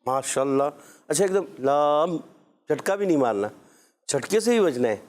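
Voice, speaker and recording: Patient male Quran teacher, clear voice. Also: on the high side, animated, darkish tone. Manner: patient, encouraging, drawn-out letter sounds. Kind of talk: children's Quran pronunciation lesson.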